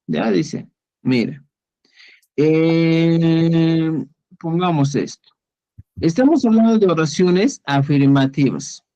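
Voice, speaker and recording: A patient male teacher on a video call, speaking slowly with a lively rising and falling melody. He keeps checking that his students understand, in an unhurried classroom manner. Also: a little high, dull audio. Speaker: Quechua teacher. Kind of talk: online class explanation.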